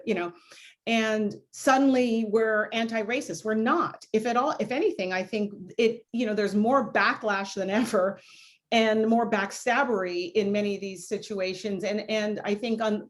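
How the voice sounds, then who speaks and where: A woman born in Jamaica and raised in Canada, a law school dean answering on a video panel in a reflective, candid way with many "you know" fillers. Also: on the high side.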